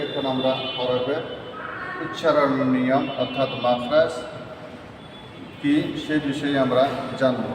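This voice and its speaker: A man's voice: medium pitch, noisy background. A man teaching Quran letter pronunciation in a lesson. He goes step by step and repeats each letter three times. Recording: echoey hall from far off.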